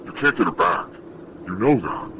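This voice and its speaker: A man's voice: medium pitch, big pitch swings, moderate pace, creaky. Man playing a frantic caller through a voice changer. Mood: frantic warning. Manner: urgent, pleading, swinging from hushed to shouting. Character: frantic anonymous male caller, warning desperately. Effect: electronic voice changer. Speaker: anonymous caller. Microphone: phone. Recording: noisy late-night phone call.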